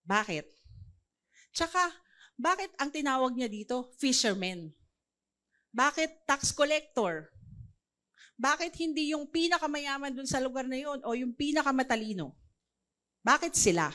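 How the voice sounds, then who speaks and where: A woman's voice: sits high, lively intonation, measured pace, long pauses, fairly bright tone. A woman with a Filipino accent preaching a Bible sermon, mixing Tagalog and English and pressing her points with rhetorical questions.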